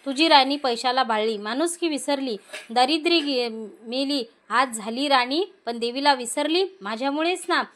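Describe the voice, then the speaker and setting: A woman's voice: sits high, normal speed, a bit bright. Woman voicing an old, coughing beggar woman. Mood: indignant. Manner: coughs between words, scolding. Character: old beggar woman, a goddess in disguise, wrathful.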